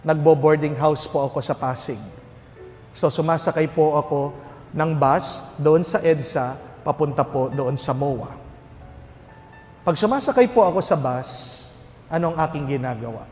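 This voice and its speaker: A priest with a Filipino accent preaching at a recollection, telling a humorous story full of rhetorical questions. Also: male voice, on the high side, measured pace, long pauses, a little mellow. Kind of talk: sermon at a recollection. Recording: hall reverb with faint music.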